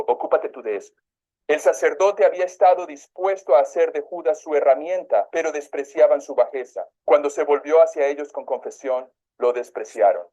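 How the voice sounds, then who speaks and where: A man's voice: medium pitch, dark tone, muffled recording. A man preaching, reading a religious text aloud and breaking off to comment on it in his own words.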